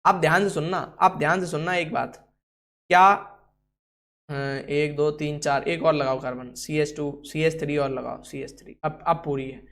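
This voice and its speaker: Hindi-speaking man teaching chemistry, slightly high. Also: steady tone, moderate pace, a bit bright. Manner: asks the class questions and answers them himself; instructs someone writing on the board. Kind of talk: classroom lesson.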